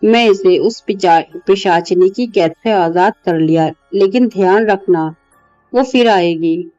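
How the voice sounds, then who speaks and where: A woman's voice: medium pitch, unhurried, dark tone, no room sound, muffled recording, soft background music, natural voice. A woman doing a stern old exorcist man. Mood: commanding. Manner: commanding.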